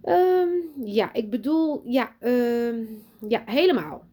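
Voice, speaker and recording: A gushing, flustered headmistress from a children's storybook, put on by a woman narrator. Her voice jumps high and bright, with a slight gravel underneath. She stammers when excited. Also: brisk. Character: flustered, eager female school head.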